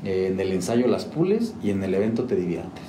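His voice is low-pitched with big pitch swings and a slightly fast pace as this musician guest rambles casually through his stories, restarting often and filling gaps. Faint noise sits in the echoey room.

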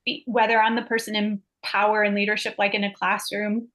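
A middle-aged woman, a guest on a podcast, talking reflectively and thinking aloud in a relaxed interview. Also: medium pitch, brisk.

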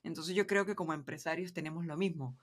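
Speaking quickly in a low, slightly rough voice, a young adult Venezuelan woman chats casually as an entrepreneur guest in a business podcast interview. She mixes English words into her Spanish and keeps asking "¿sí me explico?" to check she's understood.

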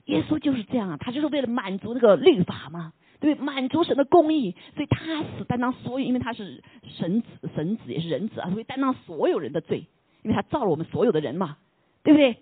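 A preacher giving a casual sermon, asking the listeners questions, dropping English words into the talk and tagging lines with a soft "ha". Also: medium pitch, very animated, fast talker, slightly rough, no room sound. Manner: asks the listeners rhetorical questions; mixes English words into Chinese speech. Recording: tinny phone-like line, dry.

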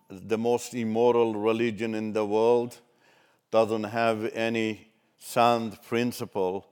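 Speaking as a ministry speaker, this older Iranian man with Turkish as his native language delivers personal testimony in a measured, halting way. The tone is clean and sits on the low side.

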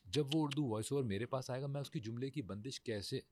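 A man's voice: medium pitch, no echo. A man, a voice-over artist telling stories in a formal, emphatic way in a casual studio talk.

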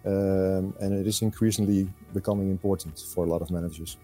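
A middle-aged man from the Netherlands with a Dutch accent, answering interview questions in a measured way with frequent hesitations. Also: deep voice, fairly even intonation, mellow, faint music behind. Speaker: podcast guest, fund selector.

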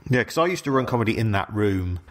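A man hosting a radio comedy show, interviewing a guest in a quick, dry way and explaining things for listeners. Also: lowish voice, lively intonation, a bit bright, a little hiss or hum. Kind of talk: interview chat. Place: radio studio.

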